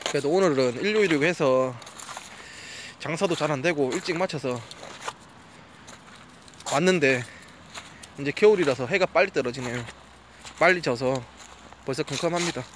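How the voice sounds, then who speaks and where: Walking his dog by a gravel riverbank at dusk, a man talks casually to the camera and occasionally coaxes the dog along. His voice is fairly high, his pace moderate with frequent pauses, and background noise is present.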